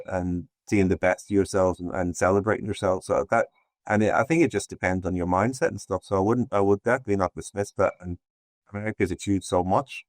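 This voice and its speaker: A man speaks as a podcast guest in a very low voice. He rambles and restarts often in casual conversation, and the sound is dry and close. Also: dry recording. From Ireland. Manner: meandering, hesitant, many restarts.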